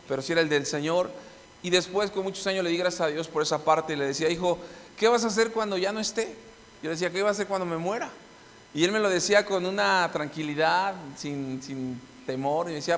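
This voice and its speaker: A man's voice: high voice, a bit bright, in a large hall. A middle-aged man preaching a sermon as pastor, emphatic, with frequent restarts and rhetorical questions to the congregation. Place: church hall.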